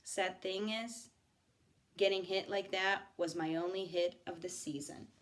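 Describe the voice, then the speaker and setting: A woman teacher reading a novel aloud to her students, expressive, pausing for asides to the class. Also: on the low side.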